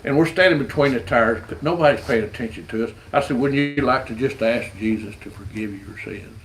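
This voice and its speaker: A man's voice: mid-range voice, fairly quick, a bit bright, a little hiss or hum, low-quality recording. A man, a street rodder giving an earnest, folksy evangelistic testimony and often repeating words as he goes. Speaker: street rodder sharing his faith.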